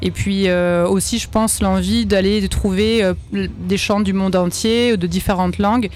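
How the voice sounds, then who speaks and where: A woman's voice: medium pitch, fairly even intonation, unhurried, a little mellow, faint music behind. A woman choir member being interviewed on radio, speaking earnestly with frequent hesitations. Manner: earnest, hesitant with many fillers.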